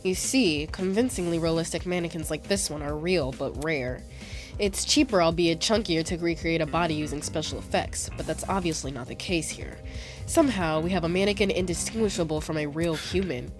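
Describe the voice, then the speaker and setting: A woman voicing a brooding young man with a notebook in a game, speaking in a measured, formal, quiet way. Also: deep voice, soft background music, close to an everyday voice. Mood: musing.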